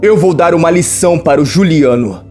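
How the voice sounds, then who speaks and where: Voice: mid-range voice, brisk, mellow, soft background music, close to an everyday voice. A narrator reading a protective young male hero, worried and indignant.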